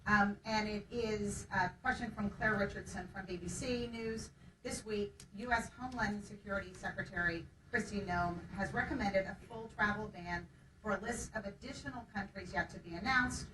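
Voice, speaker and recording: Woman moderator heard from across an echoey room. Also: medium pitch. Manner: reads questions aloud with halting fillers. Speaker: press conference moderator. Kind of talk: moderating a panel. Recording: echoey room, distant mic, background noise.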